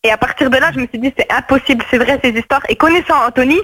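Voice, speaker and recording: A woman's voice: sits high, rapid-fire, a bit bright, breathy edge. A young woman in her twenties calling a radio show, speaking hesitantly with many fillers. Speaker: caller. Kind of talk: radio call-in chat.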